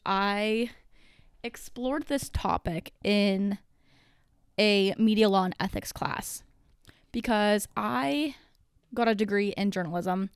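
A woman's voice: medium pitch, clear, resonant tone, no room sound, clean studio sound. A young woman in her twenties hosting a casual solo podcast, rambling and chatty with plenty of fillers and the odd swear, a little out of breath. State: out of breath from caffeine. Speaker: podcast host.

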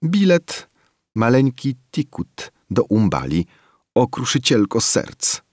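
Guy doing a cheeky begging street kid, whiny and high, audiobook. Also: very animated, takes it slowly, a little mellow, slightly rough, no echo, studio quality, heavily acted. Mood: wheedling. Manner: whining, coaxing beggar's pitch. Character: cunning street boy, pleading and wheedling. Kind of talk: audiobook character reading.

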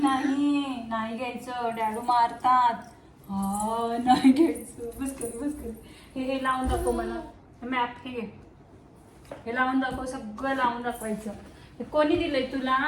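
High-voiced young mother coaxing her baby. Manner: coaxing, sing-song baby talk with frequent laughs. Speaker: vlogger and mother. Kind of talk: casual home vlog, talking to her baby. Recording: echoey room with faint background noise.

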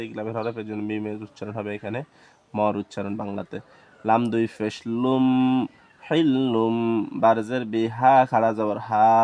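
A man teaching Quran reading, naming each letter and vowel mark, then chanting the verse slowly. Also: fairly low pitch, clear, resonant tone, dull audio. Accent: Bangladeshi Bengali. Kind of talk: slow spelling-out recitation lesson.

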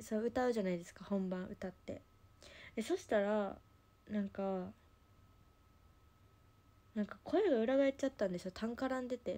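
Mellow-voiced young woman with Kansai accent. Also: mid-range voice. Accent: Kansai Japanese. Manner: rambling storytelling full of fillers. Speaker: idol livestream host. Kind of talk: casual livestream chat.

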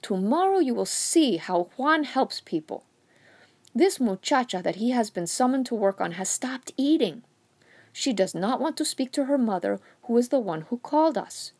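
A woman's voice: a little high, expressive, normal speed, a little mellow, voice pushed up. A woman reading aloud voices a devout, worried grandmother who speaks emphatic. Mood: explaining. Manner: emphatic, scolding, fond.

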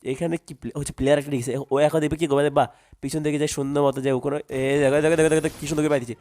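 A man with a hoarse, strained throat, commentating his own gameplay and yelping excitedly during fights. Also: a little high, rapid-fire. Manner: excitable, yelps sharply in fights and grumbles at other players. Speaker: gaming channel host.

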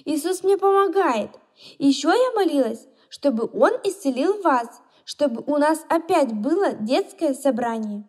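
A woman voicing an emotional, quick-tempered little girl in a children's storybook reading. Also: high voice, darkish tone, close to an everyday voice. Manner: emotional, exclaiming, tearful.

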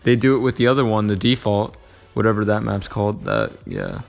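A young man casually commentating his own mobile game, muttering to himself with sudden excited yelps and growing frustration. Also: lowish voice, brisk, vocal fry, soft background music. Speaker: gaming channel host.

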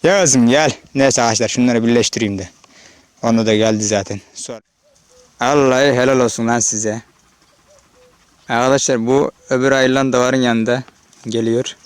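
A man's voice: medium pitch, level tone, normal speed, pauses often, clear, resonant tone, dry recording. A man from Turkey, a shepherd, chatting casually to his viewers while out on an open pasture and filming with his own camera. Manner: chatty, addresses viewers directly, calls out to animals. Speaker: shepherd vlogger. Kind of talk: casual outdoor vlog narration. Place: open hillside pasture outdoors. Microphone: handheld or body-worn camera.

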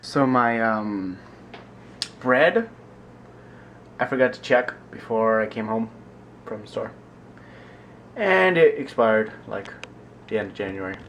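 A man's voice: fairly low pitch, expressive, slow, pauses often, a bit bright, a little hiss or hum. Rambling, self-amused male vlogger. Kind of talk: casual daily vlog chat.

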